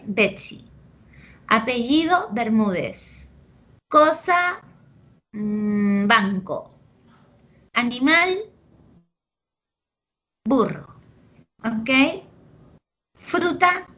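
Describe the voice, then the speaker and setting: A woman's voice: on the high side, a bit bright. A woman teacher with a Peruvian Spanish accent giving an online language class, explaining with examples and checking in with "¿ok?" and "¿de acuerdo?", affectionate with her students. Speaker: pre-university language teacher. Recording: dull lo-fi audio.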